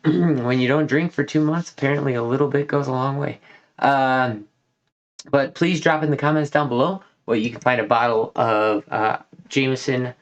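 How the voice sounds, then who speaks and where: A man hosting a casual whiskey review, talking in a loose, folksy, rambling way. He sounds a little tipsy, and he is short of breath from a lingering cold. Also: mid-range voice. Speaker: whiskey reviewer, channel host. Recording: dull lo-fi recording.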